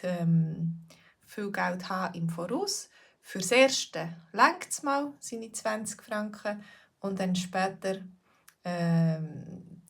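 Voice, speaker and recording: Woman, Swiss accent, language teacher, unhurried, gravelly edges, casual video lesson. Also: on the low side. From Switzerland. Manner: chatty, repeats phrases slowly for learners.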